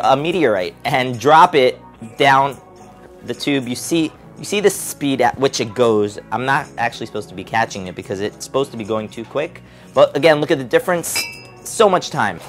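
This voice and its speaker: A man hosting a science vlog, demonstrating a toy with excited, emphatic exclamations. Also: mid-range voice. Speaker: host. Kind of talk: enthusiastic product demo vlog.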